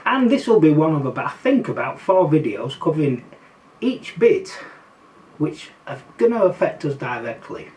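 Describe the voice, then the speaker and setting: Lively Yorkshire man, skeptical talk. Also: on the high side, moderate pace. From Yorkshire, England. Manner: wry, conversational, skeptical. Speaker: political commentary vlogger. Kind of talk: casual monologue to camera. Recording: slightly distant mic, faint background noise.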